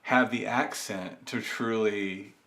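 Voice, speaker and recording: A man's voice: fairly low pitch, steady tone, slow pace, a bit bright. A man co-hosting a podcast, joking around and chiming in with short agreements. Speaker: podcast co-host. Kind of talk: casual chat.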